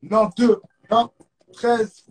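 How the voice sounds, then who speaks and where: A man's voice: high voice, flat delivery, very slow. A man with a French accent hosting a live stream quiz, hyped, repeating catchphrases and throwing in English exclamations. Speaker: host of a live stream show. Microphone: phone or webcam on a live stream.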